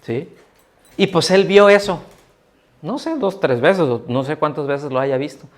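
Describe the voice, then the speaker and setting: Middle-aged man, fairly high-pitched, pastor giving a conversational sermon in a church hall and acting out the voices he quotes. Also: animated, unhurried. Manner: conversational preaching, asks the audience questions, acts out quoted voices.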